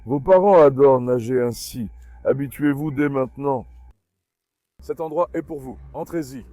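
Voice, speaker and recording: A man vlogging outdoors in a garden, calling and coaxing his puppies in a lively, animated way and talking to his viewers. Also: medium pitch, normal speed, dry recording, studio quality. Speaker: dog breeder vlogger. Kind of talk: casual vlog talk to puppies and viewers.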